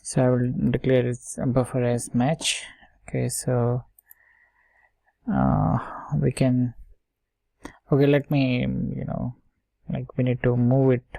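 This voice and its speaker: This informal coding tutorial comes from a man whose medium-pitched voice is creaky yet warm, recorded dry. Sharing his screen, the instructor goes step by step, mutters words while typing, and keeps checking in with quick "okay" and "right" tags.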